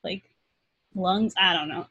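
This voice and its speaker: A woman from Colombia hosts a podcast interview, chatting candidly with her guest. Her voice is slightly husky and sits close and dry to the mic. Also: on the low side, slow pace, pushed and bright, dry recording, muffled recording. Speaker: podcast host, graduate student. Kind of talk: casual interview conversation.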